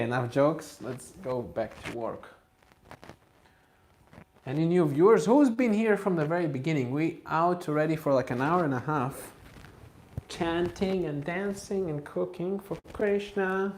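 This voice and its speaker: High-voiced man chatting on a livestream. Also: measured pace, darkish tone, a little hiss or hum. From Israel. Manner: chatty, laughing, talks to viewers in the comments. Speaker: monk livestreamer. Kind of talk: casual livestream chat while cooking.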